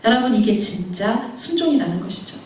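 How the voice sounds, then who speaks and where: A woman missionary preaching a sermon and telling personal stories, animated, acting out the voices of people she quotes. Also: medium pitch, fairly quick. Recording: very echoey hall, mic far off.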